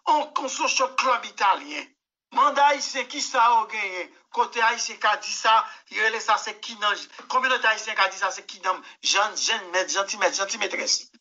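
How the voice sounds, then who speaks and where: A man's voice: high voice, normal speed, sharp tone, dull audio. A man with a Haitian Creole accent, a musician guest on a radio interview, talking emphatically, repeating words and telling anecdotes with quoted dialogue. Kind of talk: animated interview answers.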